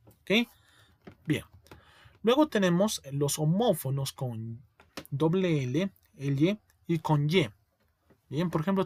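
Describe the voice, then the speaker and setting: A male teacher giving a spelling lesson, explaining slowly, repeating each word and checking in with his students. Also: on the high side, no room sound.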